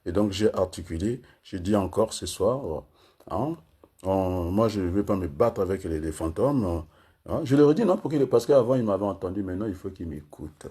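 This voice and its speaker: A man's voice: low voice, expressive, normal speed, mellow, husky. A man from Congo giving a rambling political talk, often asking listeners whether they agree and spelling words out syllable by syllable. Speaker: political speaker.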